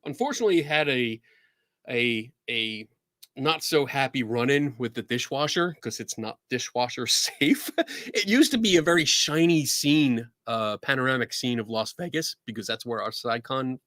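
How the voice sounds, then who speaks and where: A man with a Philadelphia accent hosting a livestream show in a casual, excitable way, often laughing. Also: mid-range voice, moderate pace, no echo, studio quality. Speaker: podcast host.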